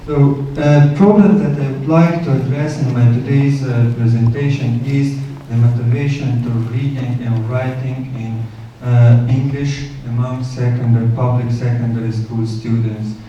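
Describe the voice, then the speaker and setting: A man, an English teacher giving a formal, halting presentation. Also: medium pitch, steady tone, warm tone, slight background noise. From Tajikistan. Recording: dull echoey room, far off.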